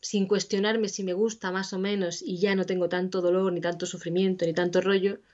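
Woman, interview guest, expressive explainer, slightly muffled recording. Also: lowish voice, brisk. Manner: animated, acts out quoted inner voices. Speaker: interview guest, grief specialist. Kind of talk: conversational explanation.

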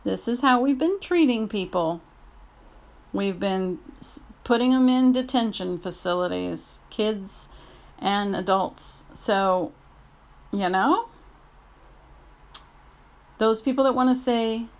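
A woman ranting late at night in a blunt, angry voice. She talks at a middling pitch and swears freely. She swings between low, tired stretches and loud, heated outbursts. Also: takes it slowly, pauses often. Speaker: audio blogger. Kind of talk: late-night personal rant.

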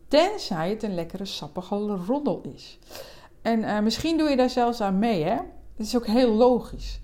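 A woman hosting a relationship podcast, talking calmly and reflectively with frequent hesitations. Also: mid-range voice. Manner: calm, reflective, with many hesitations. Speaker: podcast host. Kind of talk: relationship advice podcast monologue.

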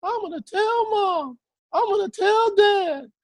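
A shrill, squeaky tattletale kid, put on by a man preaching, who taunts in a sing-song whine. The voice jumps far above his normal speaking range and bursts into shouts. The sound is close and dry. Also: lively intonation, slow, no room sound, exaggerated voice. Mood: taunting. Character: whiny tattletale child, threatening to tell parents.

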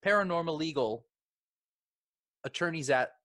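A man's voice: a little high, animated, moderate pace, a bit bright, no room sound. A man co-hosting a comedy podcast in an impassioned, self-righteous, mock-serious way. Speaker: podcast co-host.

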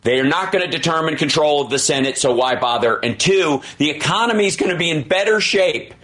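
A man's voice: on the high side, lively intonation, a little fast, sharp tone. A middle-aged man hosting a radio show, riffing on politics in an emphatic, jokey, casual way.

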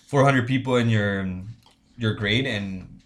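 Guesting on a podcast, this young man from Honduras speaks Spanish-accented English in a casual, easygoing chat, laughing frequently and dropping "bro" again and again. His pitch is fairly low, his pace slow, and his tone slightly bright.

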